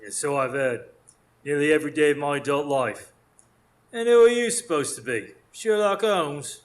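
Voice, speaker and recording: A man acts out a cocky police inspector in a radio drama. He sneers bluntly and sarcastically in a fairly high male voice. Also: expressive, moderate pace, close to an everyday voice. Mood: sarcastic. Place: small theatre stage, recorded live in front of an audience.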